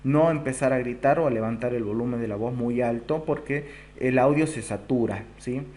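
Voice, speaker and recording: A man's voice: medium pitch, moderate pace, darkish tone. Man teaching, tagging lines with "¿sí?". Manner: explanatory, keeps adding a checking "¿sí?". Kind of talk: recorded video lesson. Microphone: close to the recording device.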